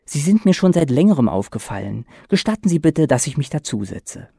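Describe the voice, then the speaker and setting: A man's voice: fairly high pitch, big pitch swings, a little fast, vocal fry, dark tone, husky, no room sound, clean studio sound, full character voice. A man reading a story aloud, voicing a shy but chatty, cheerful stranger in his mid-forties who speaks with eager politeness. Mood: politely eager.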